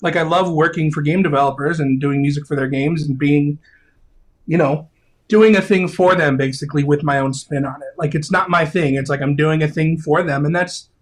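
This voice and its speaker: A man in his thirties, a video game composer, talking casually in an interview, rambling and excitable with lots of fillers and restarts. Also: a little high, fairly quick.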